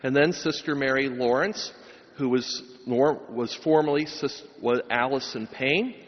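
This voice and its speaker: Middle-aged pastor preaching at a pulpit microphone. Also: male voice, medium pitch, unhurried. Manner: emphatic preaching with rising, stressed phrases. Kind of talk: sermon and blessing. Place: large church. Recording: long church reverb, dull sound.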